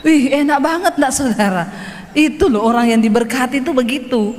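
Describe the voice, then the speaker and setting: A woman's voice: high-pitched, fairly quick. A woman pastor preaching a sermon, telling stories with energy and acting out the lines of the people in them. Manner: lively storytelling, acting out other people's lines. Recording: long reverb, faint background noise.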